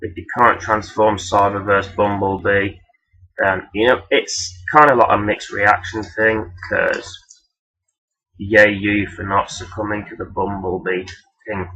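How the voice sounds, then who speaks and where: A man's voice: fairly low pitch, sharp tone, slightly rough. A man giving a casual, rambling toy review in a hesitant, self-deprecating, blunt and sweary way. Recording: dull, lo-fi sound.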